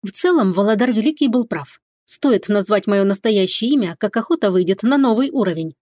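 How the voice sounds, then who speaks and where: A woman reading a fantasy audiobook in the first person, telling the story in a clear, even way. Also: mid-range voice, brisk, no echo, studio quality. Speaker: audiobook narrator.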